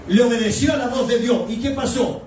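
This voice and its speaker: High-voiced pastor preaching fervently. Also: male voice, a little fast, slight background noise. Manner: fervent preaching, shouts emphatic lines, asks the congregation questions. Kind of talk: evangelical sermon. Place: church sanctuary. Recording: echoey hall, speaker far from mic.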